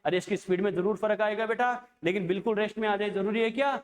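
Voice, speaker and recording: High-voiced man coaxing students through a lecture. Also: steady tone, fast talker. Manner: coaxing, keeps checking understanding with rhetorical questions; addresses students fondly as children. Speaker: chemistry teacher. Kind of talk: classroom lecture.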